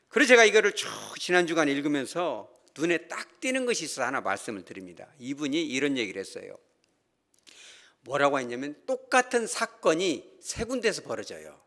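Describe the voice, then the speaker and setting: A middle-aged man preaching a sermon as pastor, telling stories with acted-out voices and asking the congregation questions. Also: fairly high pitch. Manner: animated storytelling, acts out quoted characters.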